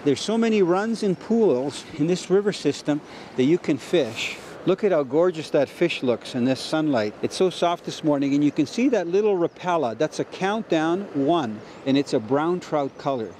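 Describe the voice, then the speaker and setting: A man's voice: a little high, expressive, moderate pace, darkish tone, slight background noise. A middle-aged man hosting a fishing show outdoors by a mountain river, explaining each catch with enthusiasm. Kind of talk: on-location fishing narration.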